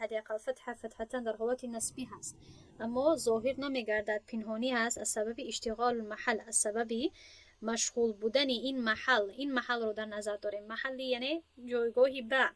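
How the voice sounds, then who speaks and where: A woman's voice: fairly high pitch, poor audio. A woman teaching an Arabic grammar lesson in Persian as her first language, explaining step by step, asking students questions and praising their answers.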